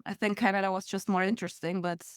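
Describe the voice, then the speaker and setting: Smooth, dry-voiced woman guest. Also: medium pitch, little pitch movement, fast talker, no echo. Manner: storytelling with laughs and acted quotes. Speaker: podcast guest. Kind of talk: casual conversational interview.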